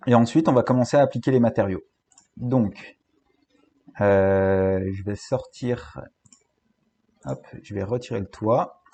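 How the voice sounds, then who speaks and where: A man with a French accent giving a screen-recorded software tutorial, talking hesitantly with many fillers and restarts. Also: mid-range voice, slightly rough.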